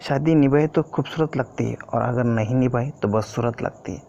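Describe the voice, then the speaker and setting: Fields: Sex: man. Role: storyteller. Tone: mellow. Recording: lo-fi. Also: mid-range voice, moderate pace. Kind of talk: scripted narration of a first-person story. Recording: dull lo-fi recording, faint hiss.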